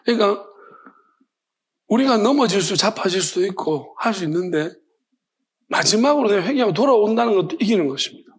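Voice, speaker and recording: High husky man preaching animatedly. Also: fairly quick, pauses often. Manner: animated storytelling, acting out quoted lines. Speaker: pastor. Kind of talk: sermon.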